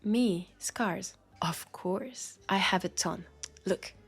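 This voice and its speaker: A woman with a French accent plays a wry vampire detective centuries old in an intimate audio roleplay. Her mid-range voice is husky and creaky, and she speaks in an unhurried, conversational way with pauses and sighs.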